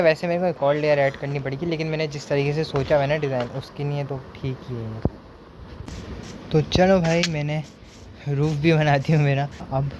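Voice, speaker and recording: A young man streaming a building game, chatting casually as he plays, counting blocks aloud and dropping English words into his talk. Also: a little high. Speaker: gaming streamer. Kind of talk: casual gameplay commentary. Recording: noticeable background noise.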